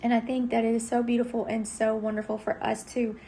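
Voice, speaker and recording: Woman teaching the bible, kinda high voice with some gravel, chatty and earnest. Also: little pitch movement, fast talker, warm tone, a little hiss or hum. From Texas. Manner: earnest, conversational, with fillers. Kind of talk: devotional teaching.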